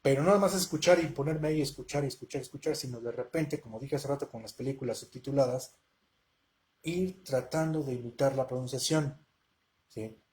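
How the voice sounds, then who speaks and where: A man's voice: mid-range voice, a little fast, darkish tone. A man hosting a live question-and-answer language lesson, talking casually and often checking in with his listeners. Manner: conversational, checks in with rhetorical questions.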